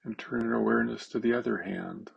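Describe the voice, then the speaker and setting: A man leading a slow guided meditation, halting, with long pauses and simple phrasing. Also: mid-range voice, fairly even intonation, gravelly, breathy edge, muffled recording.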